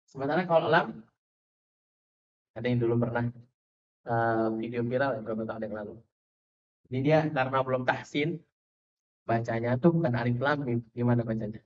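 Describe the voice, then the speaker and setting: A man giving a teacher-training lesson on Quran recitation rules, quizzing his listeners and spelling out letter names slowly. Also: mid-range voice. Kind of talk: teacher training lecture on tajwid. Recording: dull lo-fi lecture recording.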